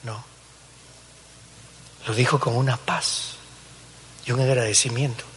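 A middle-aged male pastor, preaching a dramatic sermon that swings from hushed tones to shouts. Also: mid-range voice, steady tone, slow, breathy edge. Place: large church hall. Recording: echoey church hall.

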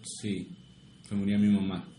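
Guy, lowish voice, deadpan jokes, roomy echo. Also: a little slow. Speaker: podcast co-host. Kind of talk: casual podcast banter. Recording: echoey room with faint noise.

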